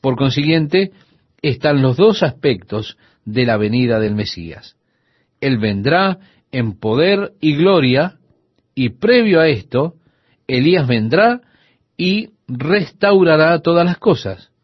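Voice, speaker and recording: A man's voice: fairly high pitch, takes it slowly, breathy edge, dry recording, highs cut off. A man teaching the Bible for radio listeners, telling a story and voicing the people in it. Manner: lively storytelling, voicing the people in his anecdote.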